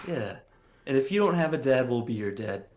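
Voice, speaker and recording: A man's voice: medium pitch, expressive, moderate pace, darkish tone. A man in his late twenties co-hosting a podcast in casual chat, blunt and preachy, swearing freely, with lots of fillers. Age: late 20s. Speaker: podcast co-host.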